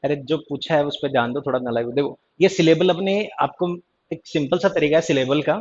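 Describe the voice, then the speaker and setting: A man's voice: a little high, fairly quick, darkish tone. A man teaching English grammar in a live online class, chatty and teasing, repeating cues to pay attention. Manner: teasing, chatty, keeps repeating "ध्यान देना" and "ठीक है जी". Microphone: online class stream mic. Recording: dull lo-fi stream audio.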